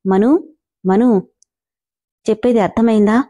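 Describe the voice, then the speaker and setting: Brief: a woman reading as a middle-aged mother on the phone, coaxing and firm, mellow storybook voice. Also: fairly high pitch, slow.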